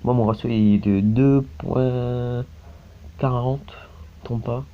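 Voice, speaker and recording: A mid-range male voice, slow and fairly even, belongs to a French gaming YouTuber casually rambling while he plays a mobile game, with many fillers and repeated tags. The phone's screen-recording mic produces dull lo-fi audio under a faint hiss.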